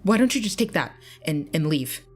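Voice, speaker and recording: A woman's voice: sits low, sing-song, moderate pace. A nervous teenage girl stammering her lines, as a woman narrator puts her on. Her voice is jumpy and tense, with faint music underneath. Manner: stuttering, nervous.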